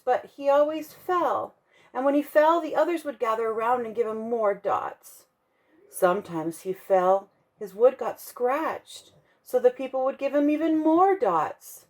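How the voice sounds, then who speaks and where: A woman with a fairly high voice reads a children's bedtime story for a church kids' ministry. Her reading is expressive, and she eases the pace to emphasize key moments.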